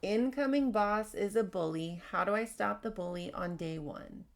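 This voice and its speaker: A woman hosting a casual advice podcast, talking fast and candidly while she reads out workplace stories and comments. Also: medium pitch, gravelly. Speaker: podcast host.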